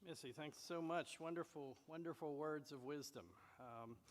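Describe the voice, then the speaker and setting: A man hosting the event, thanking the speaker and making a relaxed announcement with some fillers. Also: on the high side, normal speed, long reverb tail. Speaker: event host.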